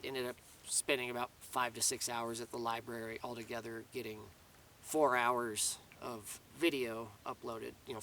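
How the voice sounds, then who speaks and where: A man's voice: medium pitch, vocal fry, bright, forceful tone, distant mic, a little hiss or hum. A man giving a casual, rambling video update outdoors in the mountains, restarting his sentences often. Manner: rambling, many restarts and fillers. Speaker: vlogger. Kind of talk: casual spoken update to camera.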